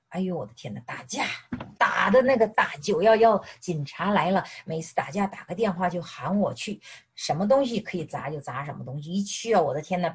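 A middle-aged woman from mainland China gives an animated sermon, mixing personal testimony with questions to her listeners. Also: on the low side, breathy edge. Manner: animated, repeatedly asks "是不是". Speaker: preacher.

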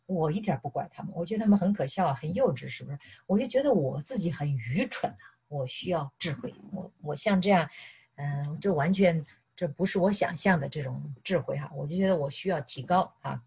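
A middle-aged woman from mainland China gives an animated sermon, mixing personal testimony with questions to her listeners. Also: low-pitched, a little fast, gravelly, slight background noise. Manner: animated, repeatedly asks "是不是". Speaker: preacher.

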